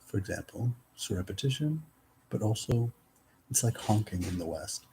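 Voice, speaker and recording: A man's voice: lowish voice, expressive, moderate pace, background noise. A man talking in a loose, meandering casual monologue, full of fillers and little quoted exchanges.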